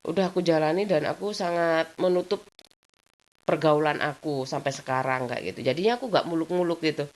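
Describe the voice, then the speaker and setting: A low-pitched woman vlogger, talking casually about her own life. She rambles in a chatty way, circling back with the same filler phrases. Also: brisk. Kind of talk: casual personal storytelling.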